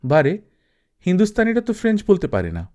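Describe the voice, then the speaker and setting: A man reading aloud, voicing a playful, quick-witted young Afghan woman who teases with questions. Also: sits high, wildly swooping pitch, a little mellow, pitched above the performer's own voice. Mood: teasing.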